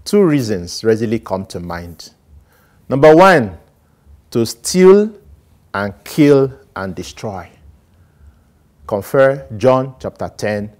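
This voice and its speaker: Middle-aged priest preaching slow, loud bits then quiet bits, lapel mic. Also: male voice. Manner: animated, sweeping gestures, swings between loud emphasis and low asides. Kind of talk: homily. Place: small studio set with plants, indoors.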